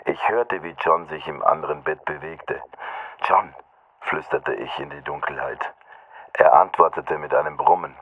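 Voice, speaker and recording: A man reading a first-person story aloud as an audiobook narrator, in a grave and measured way. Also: very deep voice, steady tone, fairly bright tone, breathy edge, dry recording. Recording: phone-like narrow band.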